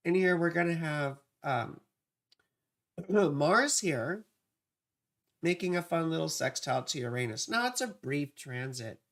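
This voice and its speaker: A mid-range, fairly bright voice with a dry, parched vocal fry belongs to an astrology livestream host chatting casually with viewers. She's animated but measured, pausing often, and her playful, scattered talk keeps drifting into affectionate asides.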